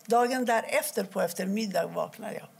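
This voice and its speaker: Gravelly husky-voiced woman telling her story. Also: medium pitch, darkish tone. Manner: halting, with restarts and quoted dialogue. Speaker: interviewee. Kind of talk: personal account in an interview.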